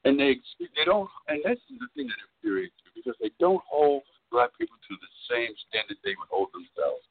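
A man's voice: medium pitch, wildly swooping pitch, a little fast, creaky, no room sound. Emphatic man on a crackly fading phone line. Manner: emphatic, insistent. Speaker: caller. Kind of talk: call-in talk radio opinion. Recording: tinny crackly phone call.

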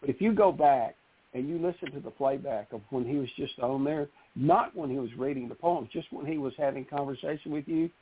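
A man calling in to a radio show over a phone line, chatting casually in an animated, rambling way. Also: medium pitch, a little fast, husky. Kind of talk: casual on-air chat.

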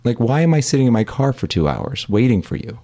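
A man's voice: mid-range voice, big pitch swings, quick pace, warm tone. A man who hosts a comedy podcast and works as a voice actor, asking questions in a playful, teasing, flirty way.

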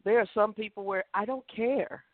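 A woman's voice: mid-range voice, normal speed, phone-quality sound. A woman co-hosting a casual women's chat show, talking in an emphatic, sassy way.

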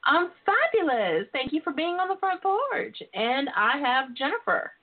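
A woman's voice: sits high, sing-song, a little slow. A woman hosting a casual radio call-in show, talking in a sassy, flirty way with plenty of endearments. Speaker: talk show host, relationship and intimacy coach. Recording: tinny phone-line internet radio.

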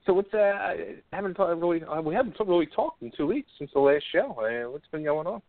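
A man's voice: fairly high pitch, lively intonation, fairly quick, no room sound. A man co-hosting a show, calling in over a phone line and chatting loosely with lots of fillers. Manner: loose and rambling, with many fillers. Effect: heard over a phone line. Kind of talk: casual chat. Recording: tinny, dry phone line.

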